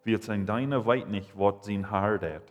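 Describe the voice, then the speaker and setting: Man preaching in a booming hall. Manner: halting, reads with restarts. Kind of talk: Bible reading with commentary. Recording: long reverb, hall.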